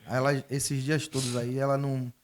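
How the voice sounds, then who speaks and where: Middle-aged man, guest on a faith chat, mid-pitched voice, tells his testimony and acts out the voices in it. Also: level tone, normal speed. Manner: storytelling, acting out quoted dialogue.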